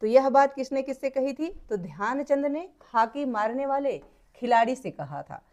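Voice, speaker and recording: High-voiced woman teaching a lesson. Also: animated, moderate pace, dark tone, highs cut off. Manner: patient, step-by-step, repeats points for students. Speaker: Hindi teacher. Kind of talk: explaining textbook exercises.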